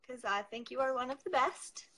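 Young female interviewer, very bright voice on the high side, playful and informal. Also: normal speed, a little hiss or hum. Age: young adult. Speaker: host, interviewer. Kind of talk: casual chat. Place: video call.

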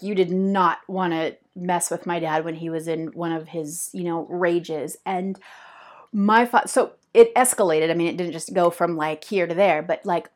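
A woman in her fifties telling a personal story on her podcast in a casual, rambling way, with many fillers, restarts and laughs. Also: on the low side. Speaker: podcast host.

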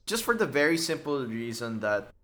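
Co-host, man in his twenties, bright tone, reflective chat that acts out quotes. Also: medium pitch, sing-song, normal speed. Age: 20s. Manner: thoughtful, acts out quoted lines. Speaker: podcast co-host. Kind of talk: casual chat reviewing a drama.

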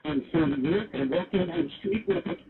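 A man's mumbled voice from an old playback, somewhat high in pitch. It comes through a narrow, phone-like sound. A faint hiss runs under it. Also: expressive, fast. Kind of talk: played-back recorded talk.

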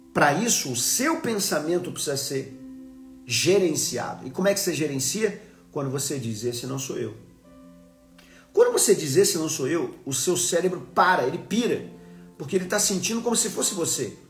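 A man preaches in an earnest, emphatic voice, slowing down to lean on key phrases. His voice rings around a reverberant room, with faint music playing behind him. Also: mid-range voice. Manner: earnest, emphatic, often slowing to stress words. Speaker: preacher hosting a live stream. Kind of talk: live-stream devotional teaching.

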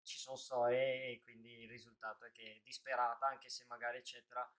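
A man's voice: mid-range voice, flat delivery, a little fast, a bit bright. A man in casual live-stream talk, thinking aloud in long rambling answers full of restarts.

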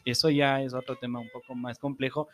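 A man speaks as a psychologist guest on a podcast. His voice sits at a middle pitch, and he explains things in a calm, measured way. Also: soft background music.

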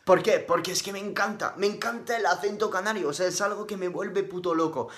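A man's voice: high voice, fairly quick, fairly bright tone. A man with a Spain Spanish accent hosting a casual live-stream Q&A, chatty and upbeat, tossing in slang like bro. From Madrid, Spain. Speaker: fitness live-stream host.

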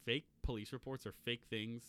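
Young man, podcast co-host, bright voice, hesitant and rambling. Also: mid-range voice, fairly even intonation, normal speed, clean tone. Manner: hesitant, rambling, laughs often. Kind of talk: casual chat.

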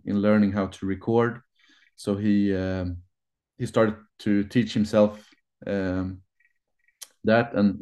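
A man guesting on a podcast, talking about his band in a hesitant, unhurried way with many fillers and restarts. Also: lowish voice, dark tone. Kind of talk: casual interview answers.

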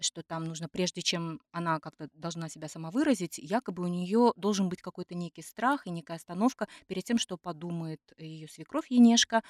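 A woman's voice: lowish voice, no room sound, studio quality. A woman co-hosting a podcast in a conversational style, sometimes hesitantly searching for her words. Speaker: podcast co-host. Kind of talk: conversational podcast discussion with read-out quotations.

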